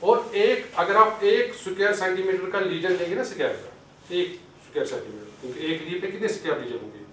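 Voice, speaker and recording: A man with an expressive, high voice and a Kashmiri accent delivers a step-by-step training lecture, questioning and then answering, with English terms woven in. It's recorded in an echoey lecture hall through a distant mic, with a faint hiss.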